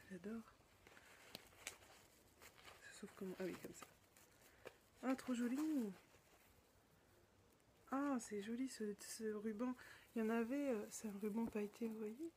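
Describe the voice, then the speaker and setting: A French woman hosting a knitting podcast, chatting casually as she unboxes gifts, full of delighted little exclamations and often dropping to a soft near-whisper. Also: a little high. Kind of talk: casual unboxing chat to camera. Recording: noticeable background noise.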